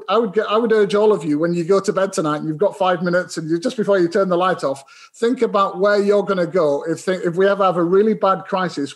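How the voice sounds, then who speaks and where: A man on a video-call panel, speaking in a forthright and persuasive way and urging the audience. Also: high voice.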